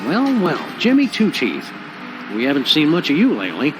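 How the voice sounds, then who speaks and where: A man voicing a polite, deadpan, unflappable dog detective in a cartoon video game. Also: a little high, moderate pace, loud music behind the voice. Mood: breezy. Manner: deadpan, courteous.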